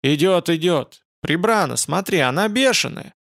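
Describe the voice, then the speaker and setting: A man voicing a frightened guard, nervous and hurried. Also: medium pitch, steady tone, a bit bright, dry recording, clean studio sound, natural voice. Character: frightened male guard behind a door.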